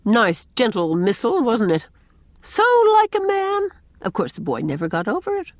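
Here a storybook reader gives voice to a gossipy, opinionated spinster from a village, middle-aged and brisk, pushing her mid-range voice upward. Tart and emphatic, the folksy delivery rises and falls with great liveliness, and the sound is dry with no echo.

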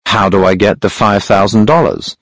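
A cool, terse male secret agent, as a male narrator voices him, who keeps close to the narrator's own low, slightly husky voice in a dry room. He talks calmly and sticks to short, matter-of-fact replies. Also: moderate pace, no room sound, poor audio. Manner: calm, brief, matter-of-fact.

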